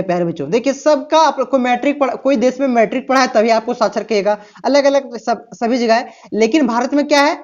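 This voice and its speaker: Her voice sits fairly high and has a darkish quality as she takes students through exam preparation, asking questions only to answer them herself. "ठीक ना" and "प्यारे बच्चों" come up again and again in her rhetorical explanations, heard on a dull, lo-fi recording.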